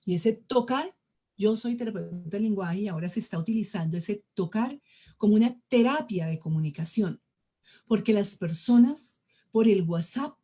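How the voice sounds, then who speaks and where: A woman lecturing to an audience. Her voice is mellow and warm, and she speaks expressively, acting out different tones of voice as examples. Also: mid-range voice. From Colombia. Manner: expressive, demonstrates tones of voice, addresses audience directly. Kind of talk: public lecture.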